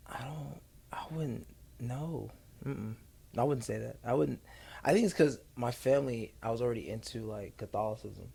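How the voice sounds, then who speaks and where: A man in his twenties, a podcast guest, talking in a laid-back, slangy way with halting restarts. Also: mid-range voice, vocal fry, mellow, slightly rough. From Columbus, Ohio. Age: 20s. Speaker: guest, speaker and real estate entrepreneur. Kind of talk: casual interview chat.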